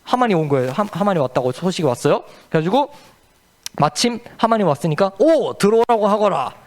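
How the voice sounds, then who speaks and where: A man's voice: fairly high pitch, quick pace. A man telling a Bible story at a children's church service, quizzing the kids with questions. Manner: asks the children questions, lively and playful.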